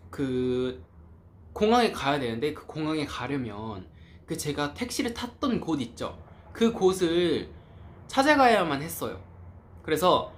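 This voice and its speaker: A man tells a travel story to his viewers in a casual, chatty way. His voice sits a little high and swings widely as he acts out what people said. A faint hum of ambience sits behind him. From Korea. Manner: animated, acts out quoted lines. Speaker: travel vlogger.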